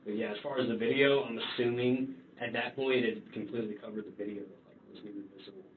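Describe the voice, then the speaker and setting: Young male interview subject, halting and informal; thin phone-like sound, loud background noise. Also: mid-range voice, steady tone. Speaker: suspect being interviewed. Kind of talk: police interview answers. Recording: distant roomy, tinny, noisy interview recording.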